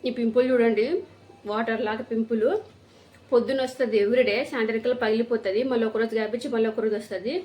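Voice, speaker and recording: A woman's voice: a little high, flat delivery, dark tone. A woman, a mother chatting to a phone camera in her home kitchen. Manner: brisk, chatty, talks to the camera while cooking. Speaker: vlogger and mother. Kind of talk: casual daily vlog chat.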